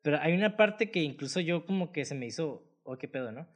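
A man's voice: a little high, lively intonation, fairly quick. A man with a Mexican accent co-hosts a casual film review chat. He talks in a laid-back, slangy way full of filler words. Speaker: podcast co-host.

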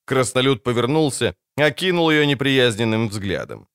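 A man narrating an audiobook in a measured storytelling manner. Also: mid-range voice, animated, fairly bright tone, clean tone, dry recording, studio quality. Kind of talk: scripted narration.

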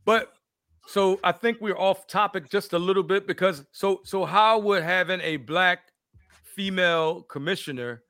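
Bright-voiced skeptical man co-hosting. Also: high voice, unhurried, dry recording, clean studio sound. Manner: skeptical, pushes back and questions. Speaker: co-host. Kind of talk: casual talk-show discussion.

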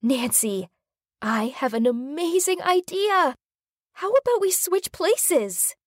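A woman's voice: very high-pitched, sing-song, takes it slowly, no echo, studio quality, voice pushed up, heavily acted. A woman voicing a restless teenage girl who complains bluntly. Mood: eager. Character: restless teenage girl, twin sister, bored rich kid.

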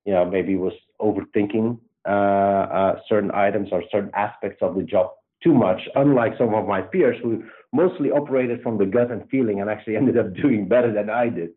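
A man's voice: lowish voice, normal speed, hardly any pauses, husky. A man with a Belgian accent, a company founder being interviewed, talking thoughtfully with many fillers and restarts. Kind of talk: casual interview talk. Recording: tinny phone-like line.

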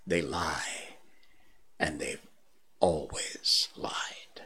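A man voicing a cool, hard-eyed panther who speaks quietly and curtly, in a storybook reading. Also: animated, slow, breathy edge, exaggerated voice. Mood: cold. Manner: quiet, low and clipped, near whisper.

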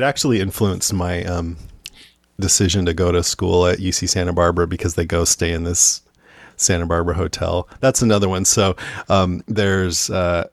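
A man's voice: low voice, dry recording, clean studio sound. A man hosting a podcast, talking casually about favorite movies and animatedly acting out lines. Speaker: podcast host. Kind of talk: casual film chat.

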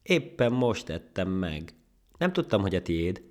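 A man's voice: low-pitched, big pitch swings, darkish tone, pitched above the performer's own voice. A man voicing a polite but strict male rabbit acting as referee in a storybook tale. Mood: stern. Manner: polite, stern. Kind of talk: storybook character voice.

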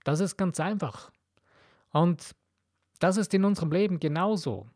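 A man's voice: sits high, normal speed, a little mellow, dry recording, clean studio sound. Blunt, preachy male podcast host. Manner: blunt, preachy, addresses the listener directly. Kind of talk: motivational monologue.

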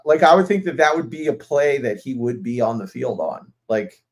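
Easygoing mid-pitched male co-host. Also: normal speed. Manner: easygoing, questioning, trailing off. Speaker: podcast co-host. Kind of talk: casual chat.

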